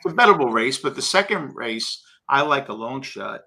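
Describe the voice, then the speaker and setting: Male co-host, bright forceful voice, casual racing analysis. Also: medium pitch, lively intonation, normal speed, vocal fry. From Brooklyn, New York. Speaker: co-host, horse racing handicapper.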